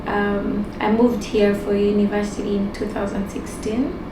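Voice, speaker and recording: A young woman from Uganda, a guest on an interview show, talking in a relaxed, upbeat way. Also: mid-range voice, moderate pace, reverberant, noisy background. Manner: relaxed, upbeat, uses like often. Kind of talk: casual interview talk.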